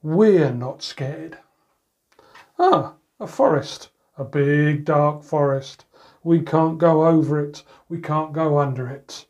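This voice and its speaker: Playing a grandad at bedtime, a middle-aged man reads a picture book aloud to young children with expression and playful sound words. His voice is fairly high-pitched and slow with a darkish tone, and the recording sounds muffled. He's indoors at home, in a room near a door.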